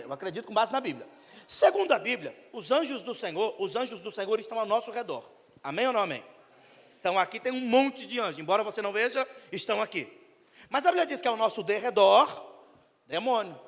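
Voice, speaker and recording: A Brazilian pastor with a very high, gravelly voice preaches a playful sermon, slipping into character voices and sudden shouts. His words ring out in a large church hall with a long echo trailing after them. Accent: Brazilian Portuguese. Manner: acts out voices of congregants and demons, shouting bursts. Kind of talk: lively humorous sermon.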